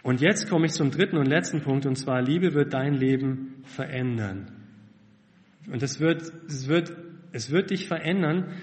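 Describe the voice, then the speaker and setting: A man preaching a sermon as a missionary, candid and self-mocking, swinging from loud emphasis to hushed tones. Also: mid-range voice, a little slow. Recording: echoey hall.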